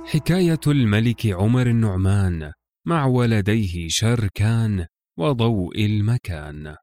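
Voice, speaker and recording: A man's voice: fairly low pitch, expressive, measured pace. A man reading a scripted classical folktale as a formal, literary storyteller. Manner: formal literary storytelling, acting out quoted dialogue. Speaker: storytelling podcast narrator. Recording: dry recording with music underneath. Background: music.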